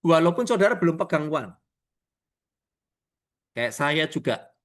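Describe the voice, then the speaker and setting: Male evangelist, middle-aged; emotive sermon over video call, pitch leaps from hush to near shout. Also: big pitch swings, unhurried. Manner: swings widely in pitch and loudness, rising to near shouts and dropping to hushed asides; acts out prayers and quoted dialogue, addresses listeners as "Saudara". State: tearful when recalling prayer. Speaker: evangelist preacher.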